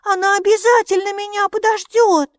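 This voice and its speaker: A woman reading an audiobook and voicing an eager six-year-old girl with high, loud exclamations. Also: normal speed, no room sound, studio quality. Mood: excited.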